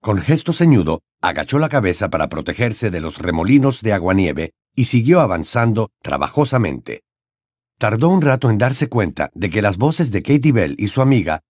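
A man reading a fantasy novel aloud as an expressive audiobook narrator. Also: lowish voice, no echo, studio quality. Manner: expressive storytelling with wide intonation. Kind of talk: scripted narration.

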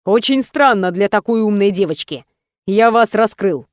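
A woman reading an audiobook and voicing an angry, jealous young man who speaks in curt, gruff, scornful bursts. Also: medium pitch, lively intonation, moderate pace, dry recording, studio quality, natural voice. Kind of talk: audiobook character voice.

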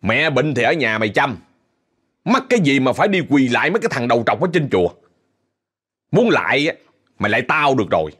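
Man playing an angry middle-aged man, yelling, abusive, raised husky voice, spoken ghost story. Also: medium pitch, very animated, quick pace, long pauses. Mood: furious. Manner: shouting, abusive.

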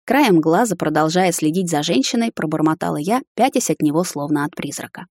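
Female audiobook narrator, first person; measured, expressive, low-set voice, dry. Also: no room sound.

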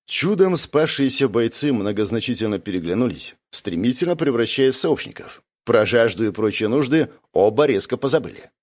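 A man narrating an audiobook in an expressive storytelling manner. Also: medium pitch, normal speed, hardly any pauses. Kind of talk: scripted narration.

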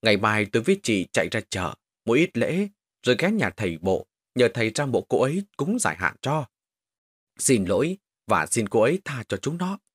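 A man voicing a calm, practical middle-aged neighbor woman who speaks slowly. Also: medium pitch, slightly rough, no room sound, clean studio sound. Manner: slow, measured.

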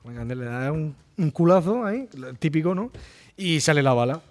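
A man with a fairly high voice hosts a casual gaming podcast. He retells scenes with gusto and salts his chat with swearing. His tone is loose and chatty. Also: moderate pace. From Murcia, Spain. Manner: animated storyteller, swears freely. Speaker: podcast host. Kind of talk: casual chat about video games.

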